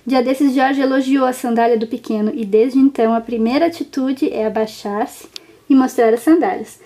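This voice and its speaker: A woman, gently narrating a reflective personal story in short, lingering phrases. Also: a little high, moderate pace.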